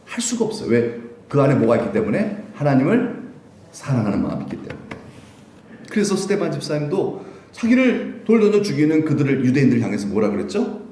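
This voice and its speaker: A man preaching a Sunday sermon as pastor, lively and conversational, often putting questions to the congregation. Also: mid-range voice, a little fast, a little hiss or hum. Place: church sanctuary. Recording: echoey church room.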